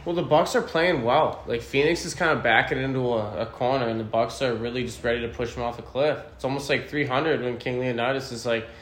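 A man's voice: mid-range voice, fairly even intonation, brisk, few pauses, fairly bright tone. A man hosting a casual sports podcast, talking enthusiastically and rambling as he speaks straight to the fans. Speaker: podcast host. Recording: roomy with faint noise.

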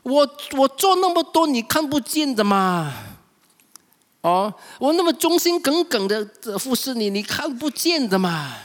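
A man voicing a resentful, angry elder son who complains loudly and indignantly. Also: very high-pitched, very animated, a little slow, voice pushed up, full character voice. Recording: reverberant hall.

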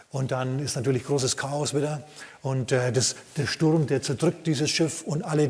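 Preacher man, mid-pitched, animated storytelling sermon, long church-hall reverb. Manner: lively storytelling with rhetorical asides. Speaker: pastor.

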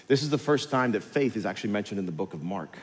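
A male pastor giving a sermon, telling the story with lively, animated delivery and acting out the characters. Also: on the low side, fast. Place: large church hall. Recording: hall reverb with faint music.

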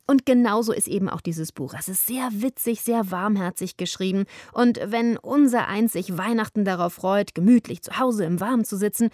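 A woman's voice: mid-range voice, no echo, clean studio sound. A woman in her thirties recommending a children's Christmas book to viewers in a chatty way, now and then reading passages aloud. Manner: lively and chatty, addressing viewers.

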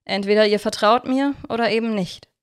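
A woman's voice: mid-range voice, smooth, natural voice. A woman doing an eager secretive young detective. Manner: hurried, excitable.

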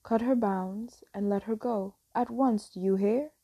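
A woman's voice: mid-range voice, steady tone, unhurried, husky. Woman doing a boy's fake pirate-captain bellow. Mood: bossy. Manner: shouting, blustering. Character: boy hero imitating a pirate captain's bellow.

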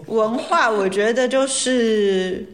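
A woman's voice: fairly high pitch, takes it slowly. A woman with a Taiwanese Mandarin accent speaking as a guest in a casual conversation about work. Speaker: guest talking about her job. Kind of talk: casual chat.

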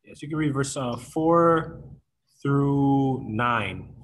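A man's voice: medium pitch, extremely slow, poor audio. Man leading a casual Bible study. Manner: casual, checks in with listeners often. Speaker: youth Bible study leader. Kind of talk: informal Bible teaching to a group.

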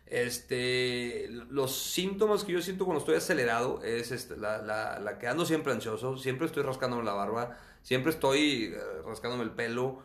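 Fast-talking man in an echoey room. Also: medium pitch, fairly bright tone. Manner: fast-talking, restarts words often. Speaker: guest sharing his own experience. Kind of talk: candid conversational interview.

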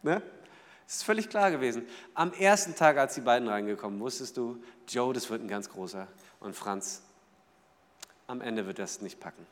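A man preaching a sermon in a lively way, asking the audience questions and acting out small everyday scenes. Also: medium pitch, normal speed, big-room sound. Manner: lively, asks the audience rhetorical questions, acts out little scenes. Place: church hall.

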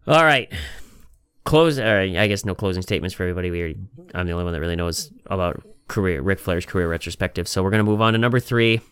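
A man's voice: low voice, fast, fairly bright tone, smooth. A man hosting a casual podcast chat. He talks in an emphatic, rambling way and swears a lot. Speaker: podcast host.

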